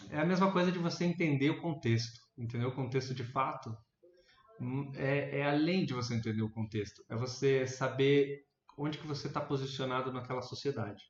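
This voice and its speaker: A man with a Brazilian accent making his points in a casual debate, thinking aloud with restarts and sudden animated rises in pitch. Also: a little fast, few pauses. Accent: Brazilian Portuguese. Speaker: debate panelist. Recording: echoey room, dull lo-fi sound.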